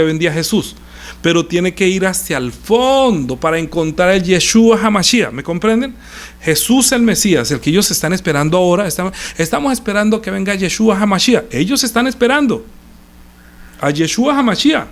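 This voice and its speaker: A man preaching a sermon, explaining slowly and checking with his listeners, with sudden loud and soft turns. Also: fairly high pitch. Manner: explains step by step, often asks the congregation "¿sí?"; swings between loud and soft, stressing key words. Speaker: pastor.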